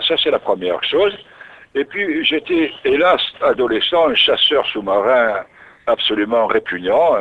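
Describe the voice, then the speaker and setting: Husky low-voiced man on tinny radio. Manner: musing, repeats words and restarts phrases. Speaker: interview guest, poet. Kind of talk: reflective storytelling in an interview. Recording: tinny narrowband radio recording.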